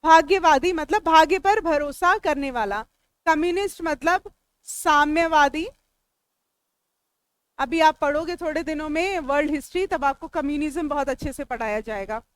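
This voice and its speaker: A woman's voice: high voice, normal speed, dry recording. A woman teacher with an Indian English accent, giving a classroom lecture that breaks each word into its parts and answers students as she goes. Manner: explains word meanings step by step, talks back to students.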